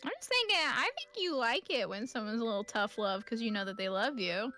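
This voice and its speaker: A woman's voice: on the high side, lively intonation, a little fast, pushed and bright, soft background music. A woman guest on a stream, chatting casually with friends, teasing and acting out quotes. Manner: teasing, acts out quotes in a sing-song voice.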